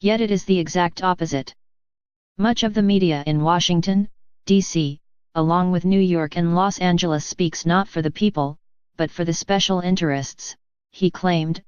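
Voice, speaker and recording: A woman reading scripted news narration in an even, measured way. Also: lowish voice, clean tone, dry recording, muffled recording.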